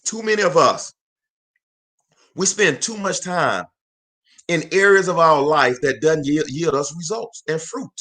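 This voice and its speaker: In his forties, this motivational speaker and host delivers a fervent live talk with a preacher-like cadence, repeating phrases for emphasis and calling out to viewers. His voice sits on the high side and is animated and fairly bright, moving a little slowly with long pauses.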